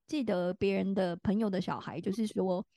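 Woman in her thirties, podcast co-host, rambling casual chat, gravelly edge, dry close sound. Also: mid-range voice, fairly even intonation, normal speed, warm tone, no echo. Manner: rambling, full of fillers and restarts.

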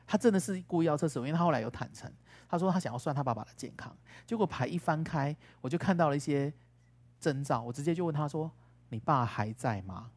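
A man's voice: fairly high pitch, quick pace, darkish tone. A man, a tarot and astrology teacher, explaining in casual podcast chat and acting out stories. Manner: chatty, tells stories with acted-out quotes.

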